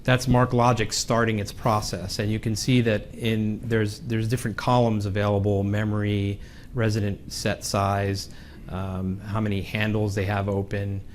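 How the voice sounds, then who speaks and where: A man presenting a technical session at a conference, relaxed and joking, with some fillers. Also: fairly low pitch, moderate pace, slight background noise. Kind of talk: conference tech talk. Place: conference room.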